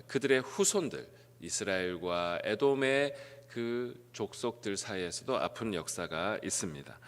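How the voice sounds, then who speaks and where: A middle-aged male pastor preaching an early-morning sermon, filling pauses with "eo" and letting his phrases rise and then drop. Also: medium pitch, clear, resonant tone. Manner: frequent "eo" fillers, rising then dropping phrases. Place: church sanctuary. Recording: church hall reverb.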